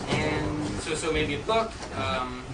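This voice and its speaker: A man's voice: a little high, slow, over loud music. A man working as a stage magician, delivering jokey theatrical patter to a live audience in a fairly large room. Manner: jokey, chuckles at own jokes. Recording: echoey room from far off, loud noise.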